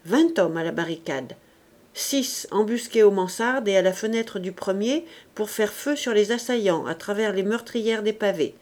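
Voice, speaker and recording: A woman's voice: medium pitch, normal speed, darkish tone, natural voice. A woman reading the part of a young male rebel leader, stern and cold, giving clipped orders. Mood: commanding.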